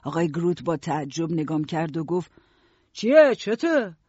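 Husky male audiobook narrator. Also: on the high side, dry recording, muffled recording. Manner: steady first-person storytelling.

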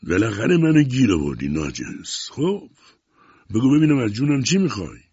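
A man voicing an angry, hostile old sea captain who barks his words gruffly. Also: medium pitch, sing-song, dark tone, no room sound, pitched above the performer's own voice. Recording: dull muffled recording.

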